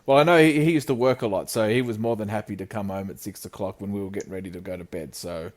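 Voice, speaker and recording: A man's voice: fairly low pitch, quick pace. Chatty rambling male podcast co-host. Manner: rambling, self-deprecating, frequent restarts. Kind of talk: casual chat.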